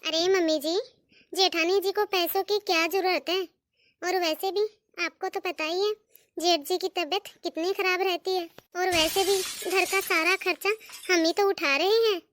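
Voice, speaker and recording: A woman voicing a sharp-tongued, jealous younger daughter-in-law in a cartoon, taunting and sarcastic. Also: extremely high pitch, steady tone, unhurried, no room sound. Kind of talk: cartoon voice acting.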